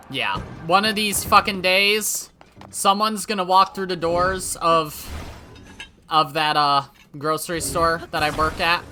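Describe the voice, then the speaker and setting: A man's voice: a little high, pushed and bright. A young man rambling through casual, self-mocking, profanity-laced commentary while playing a game at home. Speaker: let's play gamer.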